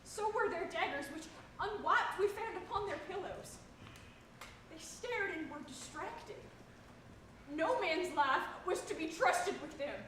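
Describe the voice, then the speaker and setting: Woman playing high-voiced, earnest young noble. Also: lively intonation, moderate pace. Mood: grim reporting. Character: earnest young noble reporting dark omens. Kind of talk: Shakespearean stage acting. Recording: echoey theatre, distant microphone, clear noise.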